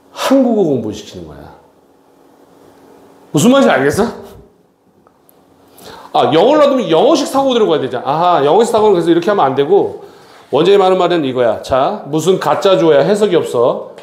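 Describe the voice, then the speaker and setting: Middle-aged male teacher, bright lively delivery swooping up and down, chatty with students, roomy classroom sound. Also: fairly high pitch. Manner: animated, addresses students as kids, frequent tag questions. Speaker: academy English teacher. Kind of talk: classroom grammar lecture. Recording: echoey classroom.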